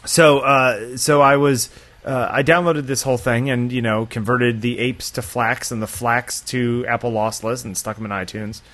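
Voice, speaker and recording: A man's voice: medium pitch, fairly even intonation, moderate pace, a bit bright. A middle-aged man co-hosting a podcast, rambling in loose casual chat and swearing offhandedly.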